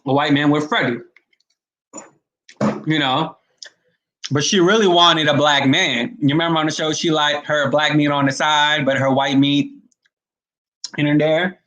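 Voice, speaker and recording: Casting note: a man as a blunt, rambling commentary host with a slightly high voice. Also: fairly even intonation, measured pace, pauses often, bright, forceful tone, low-quality recording. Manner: blunt, rambling, addresses viewers directly. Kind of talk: casual opinion commentary.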